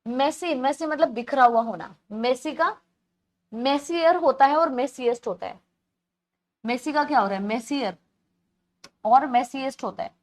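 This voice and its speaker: This woman's voice sits high, and she speaks unhurriedly with long pauses. Teaching grammar in an online exam-prep class, she patiently explains in Hindi sprinkled with terms, repeating key words and addressing students as beta.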